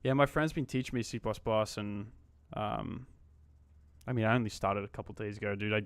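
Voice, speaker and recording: Man in his 20s from Australia, laid-back streamer who thinks aloud in slang; smooth, close, dry sound. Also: lowish voice, a little fast, dry recording. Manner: mutters to himself, slangy. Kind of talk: casual live-stream chat while coding.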